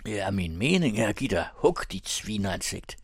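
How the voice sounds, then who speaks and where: A man reading a story, voicing a brash, scornful young farmhand who shouts taunts to pick a fight. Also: fairly low pitch, very animated, breathy edge, no echo, studio quality. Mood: taunting.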